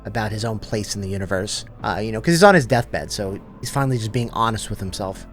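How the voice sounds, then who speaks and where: Over soft music, a man with a lowish voice gives a casual, abridged retelling of a long story for his lore channel, paraphrasing characters in slangy, everyday language. He speaks quickly with lively intonation.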